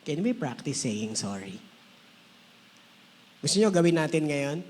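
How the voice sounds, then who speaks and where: Pastor guy preaching in a church hall, kinda high voice, big echo tail, chatty and acts out voices. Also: sing-song, measured pace, darkish tone, a little hiss or hum. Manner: conversational, mixes English phrases, acts out quoted voices. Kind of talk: sermon.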